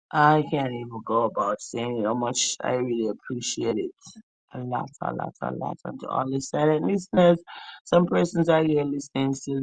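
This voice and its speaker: A woman's voice: rumbling low, vocal fry, darkish tone, no room sound, rough recording. A woman hosting a live stream in casual chat, teasing her viewers and laughing often. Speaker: livestream host.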